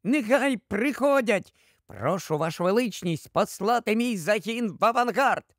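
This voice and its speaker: A tiny mouse warrior squeaks out courtly, boastful vows in a shrill, high voice, as a man puts him on. The audiobook sound is dry and close, with a slight creak in the voice. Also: lively intonation, measured pace, no echo, full character voice. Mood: eager. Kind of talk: audiobook character voice.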